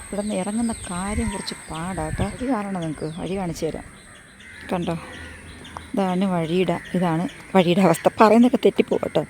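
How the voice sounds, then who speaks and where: A woman walking a rural path on a casual vlog, hoarse from losing her voice, chatty and rambling as she repeats herself. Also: lowish voice, fairly quick, background noise. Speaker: vlogger. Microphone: phone front camera at arm's length.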